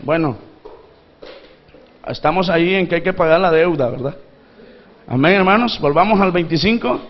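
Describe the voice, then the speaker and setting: The audio is dull as a Honduran pastor preaches, his fairly high voice expressive and at normal speed. He invites the congregation to respond and dramatizes the pleading voices in the parable.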